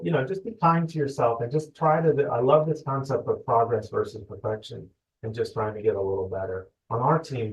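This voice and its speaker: A man giving a live financial webinar, talking fast and upbeat and asking himself his listeners' questions. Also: mid-range voice, a little mellow, far from the mic. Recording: dull, lo-fi webinar audio from off-mic.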